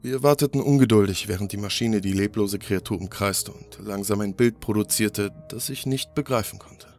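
A man reads a horror story in a steady, grave narrating voice. His pitch sits on the low side, and soft music plays faintly under him. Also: normal speed.

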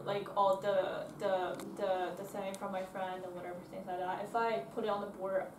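A young woman from China giving hesitant, halting interview answers in a dorm bedroom. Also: mid-range voice, little pitch movement. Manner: hesitant, slow, repeats words. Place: small dormitory bedroom. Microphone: far camera. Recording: roomy, distant, noisy.

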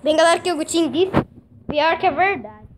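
A woman, casually vlogging at home, excitable and swearing freely. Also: extremely high pitch, brisk, noisy background.

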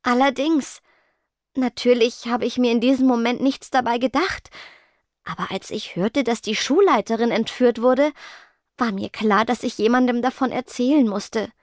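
A woman voicing a shy, nervous teenage ghost girl who speaks softly and stammers. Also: on the high side, moderate pace, no echo, studio quality, voice pushed up, close to an everyday voice. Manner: soft, stammering, timid.

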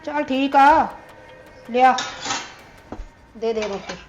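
A woman's voice: high-pitched, takes it slowly, darkish tone, a little hiss or hum. A woman with a Punjabi accent playing an elderly mother who complains about her son and daughter-in-law. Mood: resigned. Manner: complaining, self-pitying. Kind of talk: family drama acting.

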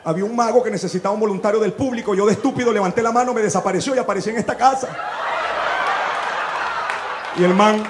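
A Venezuelan man doing stand-up comedy, telling a crude story in an animated way and acting out the people in it. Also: high-pitched, very fast, background noise. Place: live comedy venue with audience.

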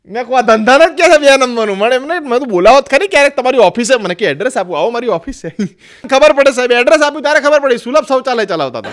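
Speaking rapid-fire in a very high voice, a Gujarati-accented man performs stand-up, telling jokes and animatedly voicing the characters who appear in his stories.

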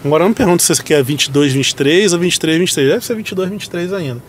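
Higher-pitched Brazilian man vlogging, noisy surroundings. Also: fast. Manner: informal, thinking aloud while he works. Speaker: car reviewer. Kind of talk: casual car vlog. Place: in and around parked cars at an outdoor lot. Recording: clear car and outdoor ambient noise.

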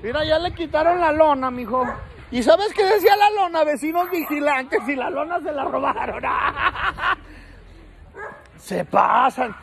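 A man with a Mexican accent hosting a street vlog, joking, teasing and shouting to people outdoors at night. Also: very high voice, lively intonation, a little slow, gravelly. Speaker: street prankster host. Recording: busy street with crowd chatter. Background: crowd chatter.

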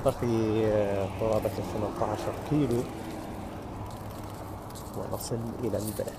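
A man in his thirties narrating a cycling vlog in a measured, halting way with pauses, recorded outdoors on a phone. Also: fairly low pitch, steady tone, heavy background noise. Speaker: cycling vlogger. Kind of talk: casual reflective vlog narration. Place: outdoors along open roads and desert at night and dawn. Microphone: phone at arm's length.

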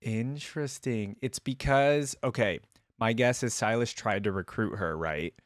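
A man in his twenties hosts a reaction video from a home desk setup, speaking close into a desk microphone as he casually comments on game voice lines. His medium-pitched voice moves at a measured pace, thinking aloud and asking viewers questions, in a dry recording with faint music in the background.

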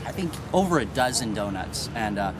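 A man's voice: lowish voice, brisk. A young man casually showing visitors around an outdoor protest camp, chatty and easygoing, laughing now and then. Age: young adult. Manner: relaxed, chatty, laughs easily. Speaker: camp resident giving a tour. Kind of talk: casual guided tour. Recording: outdoor noise behind.

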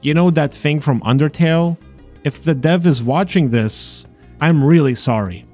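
A man's voice: fairly high pitch, moderate pace, darkish tone. A man narrating a scripted voice-over about a video game, with dry, sarcastic asides. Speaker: video host exploring games. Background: faint game music.

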